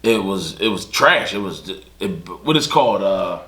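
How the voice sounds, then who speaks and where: A man's voice: sits low, moderate pace. A young man, telling casual stories on a podcast and acting out other people's lines. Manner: animated storyteller who acts out other people's lines. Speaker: podcast host. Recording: echoey room.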